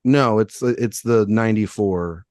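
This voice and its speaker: A man's voice: on the low side, measured pace, darkish tone, no room sound, studio quality. A man hosting a casual podcast panel, quizzing his co-hosts with trivia and teasing them. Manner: chatty quizmaster, teasing and laughing. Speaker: podcast host running a trivia quiz.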